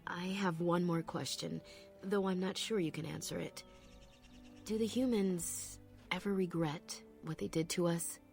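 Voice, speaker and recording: Game elf apprentice, female, proud and measured; low, husky, gravelly, faint music under. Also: fairly even intonation, darkish tone. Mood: solemn. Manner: measured, solemn, reflective.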